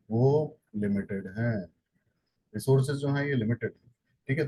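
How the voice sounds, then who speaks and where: A man's voice: mid-range voice, dark tone, husky, rough recording. A man with an Indian accent teaching an exam-prep lecture, explaining step by step, repeating points and correcting himself with fillers. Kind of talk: exam-prep lecture in Hindi-English mix.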